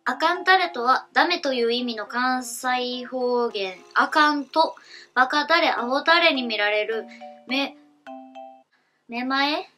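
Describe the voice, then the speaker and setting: A young woman in her late teens with a Kansai accent, a newcomer voice actress chatting in a relaxed, giggly, rambling way for her first vlog. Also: high-pitched, measured pace, faint music behind. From Kansai, Japan. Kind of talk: casual self-introduction vlog.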